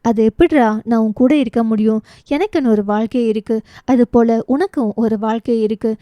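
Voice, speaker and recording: A woman's voice: on the high side, moderate pace, no room sound, highs cut off, lightly acted. A woman voicing a teasing, resolute young woman who is a loyal friend, in a romance audio novel. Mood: earnest.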